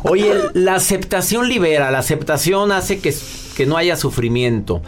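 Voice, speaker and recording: A man hosting a podcast, talking in a warm, coaxing way and often repeating words. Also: a little high, animated, normal speed, background noise. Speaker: podcast host. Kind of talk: casual advice talk. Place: studio booth.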